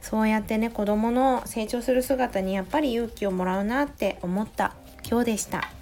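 A woman in her thirties, a mother, talking in a gentle, chatty way in a casual solo audio diary, close to the mic. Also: fairly high pitch, moderate pace. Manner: gentle, chatty, many soft "ne" tags. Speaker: podcast host, mother of a preschooler. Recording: faint music behind voice.

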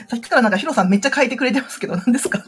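A woman's voice: fairly high pitch, racing, a little hiss or hum. A woman with a Kansai accent, chatting as a guest and laughing often. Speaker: guest on a livestream. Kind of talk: casual chat.

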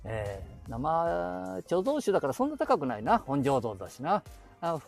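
Man in his 70s, nagoya dialect, lively rise and fall in his voice, rambling talk while out walking, faint music behind. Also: a little high, measured pace, creaky. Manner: chatty, talks to himself, frequent chuckles and asides. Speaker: podcast host. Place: walking outdoors and inside a bank ATM booth.

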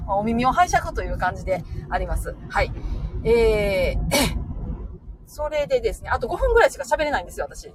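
Chatty Kansai woman, lively high voice. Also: background noise. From Osaka-born, raised in Nara. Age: middle-aged. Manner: rapid chatty machine-gun talk. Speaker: livestream host. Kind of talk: unscripted livestream talk reading comments.

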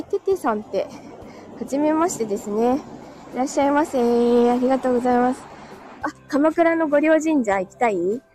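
With a high, slightly mellow voice, a livestream host walks outdoors up a narrow, hilly street, chatting politely and casually with viewers and laughing often. Still getting over an illness, she's a little breathless on the climb. The audio quality is poor.

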